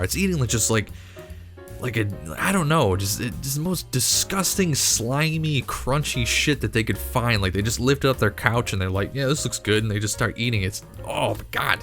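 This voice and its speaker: This YouTube cartoon channel host has a mid-range, somewhat bright voice. Chatting casually on his video channel, he rambles in a jokingly incredulous way and keeps interrupting himself.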